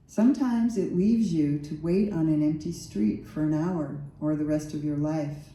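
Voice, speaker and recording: A woman poet reading her poems aloud at an event, unhurried and savoring each line, with chatty asides between poems. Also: lowish voice, dark tone, recorded from a distance. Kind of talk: poetry reading. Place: gallery event space. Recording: roomy reverb in a gallery.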